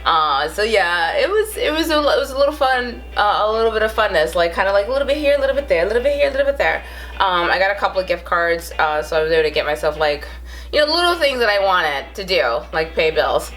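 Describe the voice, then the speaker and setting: Speaking quickly with big swings in pitch, a woman in her thirties vlogs casually to camera in her mid-range, fairly bright voice. She's from the Bronx, New York, has a Brooklyn accent, and rambles chattily with frequent fillers and self-amused laughter.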